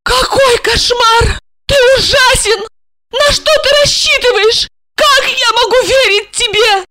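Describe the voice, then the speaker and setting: Woman doing a shrill young wife, accusing and tearful, very high and swooping. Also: very animated, unhurried. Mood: horrified shrill. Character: young pregnant wife Olga, frightened and accusing.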